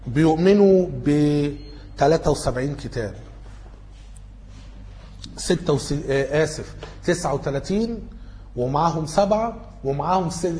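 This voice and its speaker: A man's voice: a little high, a little mellow, slight background noise. A man with an Egyptian Arabic accent giving an informal lecture, working through study questions and thinking aloud as he corrects himself.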